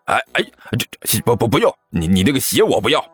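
A man's voice: medium pitch, big pitch swings, fast talker, husky, faint music behind. A man voicing a bumbling male street robber who blusters and stammers in an audiobook story. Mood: blustering. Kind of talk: storytelling character voice.

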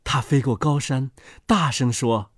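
A storyteller reading a fairy tale aloud to children in a gentle, expressive way. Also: mid-range voice, measured pace, slightly rough, dry recording, clean studio sound.

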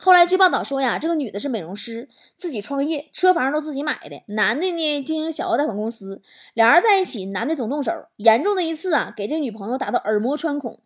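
A woman talk show host, telling stories in an animated, exaggerated comic monologue. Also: high-pitched, fast talker, hardly any pauses. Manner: animated, exaggerated storytelling with swearing and laughter. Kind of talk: comedic monologue.

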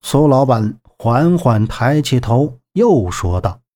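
Male narrator, audiobook, lively pitch, dramatic storytelling. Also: slow. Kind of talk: scripted narration.

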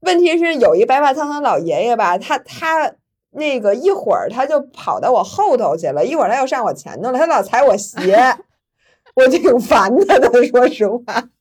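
A woman podcast host, telling a story in lively casual chat and laughing often. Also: a little high, moderate pace, husky.

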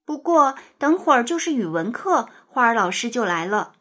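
A woman's voice: a little high, very animated, normal speed, a bit bright. Woman doing a bouncy eager little boy. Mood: excited. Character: young boy pupil, eager and cheerful.

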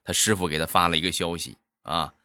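A man telling a comic joke monologue in a lively way, with drawn-out particles on his punchlines. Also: low-pitched, dry recording, studio quality. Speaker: comic storyteller.

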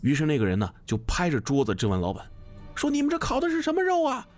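A smug young man relishes a creepy tale, teasing and conspiratorial, as a male storyteller puts him on. His pitch swings widely and sometimes sinks to a hush. Faint music hums behind the audio story. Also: very animated, fast talker. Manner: teasing, conspiratorial, drops to a hushed whisper.

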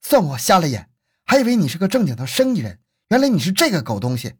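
A man voicing a bold woman shop owner in a spoken crime story, pushing his voice high and scolding. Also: sing-song, quick pace, husky, heavily acted. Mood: furious. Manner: scolding, shrill.

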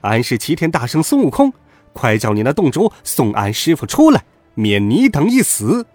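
A man voicing a brash, fiery male monkey king who shouts his commands loudly in a storybook reading. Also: on the high side, huge pitch swings, moderate pace, slightly rough, dry recording, faint music behind, exaggerated voice. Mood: shouting angrily.

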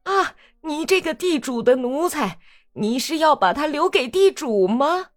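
A woman voicing a brutal male cavalry soldier who barks rough orders. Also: sits high, animated, a little slow, voice pushed up. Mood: harsh.

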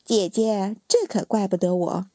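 A spiteful young noblewoman from a palace storybook, smug and cruel, with mockery in every line, as a woman narrator puts her on. The voice is mellow and a little husky, heard close and dry. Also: medium pitch, fairly even intonation, measured pace, dry recording. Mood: mocking. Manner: mocking.

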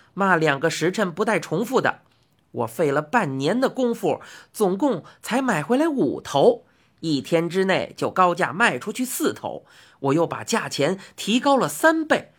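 A woman's voice: fairly low pitch, sing-song, normal speed, slightly rough, heavily acted. A woman voicing a coaxing merchant boss who talks like a salesman, in a storybook reading. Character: smooth-talking merchant boss.

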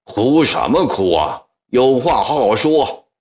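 A man's voice: low voice, big pitch swings, a little slow, vocal fry, pitched below the performer's own voice, heavily acted. A male storyteller voicing an irritable official assistant who speaks curtly. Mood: impatient. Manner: curt, irritable.

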